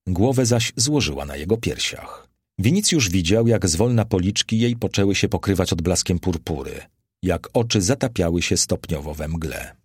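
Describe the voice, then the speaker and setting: Husky, expressive male audiobook narrator. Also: sits low, no echo, clean studio sound. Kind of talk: audiobook narration of a classic novel.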